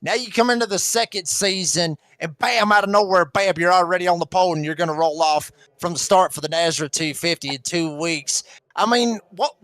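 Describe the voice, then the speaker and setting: Male co-announcer, folksy rambler, high and bright. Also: fairly quick, no echo. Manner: rambling, heavy with fillers, folksy. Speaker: racing league announcer. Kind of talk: casual race broadcast banter.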